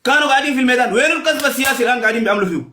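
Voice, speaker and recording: A man's voice: extremely high pitch, rapid-fire, sharp tone, roomy sound, slight background noise. A man with a Sudanese Arabic accent in a heated, insulting livestream rant, repeating himself over and over.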